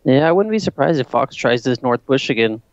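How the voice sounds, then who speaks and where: Calm male co-caster, smooth dry voice. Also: medium pitch, fairly quick, no echo, lo-fi sound. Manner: calm, analytical remarks. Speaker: esports co-caster. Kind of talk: live color commentary.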